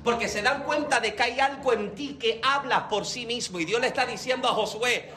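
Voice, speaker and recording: A man's voice: very high voice, moderate pace, reverberant. A man preaching a sermon, telling a personal story and calling out to the congregation. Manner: animated storytelling, often calls out to the congregation.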